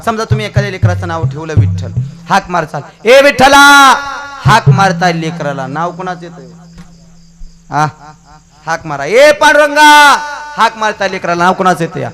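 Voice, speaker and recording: A man's voice: high voice, fairly quick. A man preaching a devotional kirtan sermon, telling stories and calling out to the listeners. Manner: alternates singing refrains and lively storytelling, calling out to the crowd. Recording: echoey with music behind.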